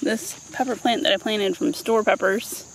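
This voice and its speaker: Out in her backyard vegetable garden, a vlogger in her thirties shows off her home garden in a casual, playful way, tossing in informal asides. She speaks at a normal speed in a mid-range voice with vocal fry; the handheld camera mic makes for a rough recording with clear ambient noise.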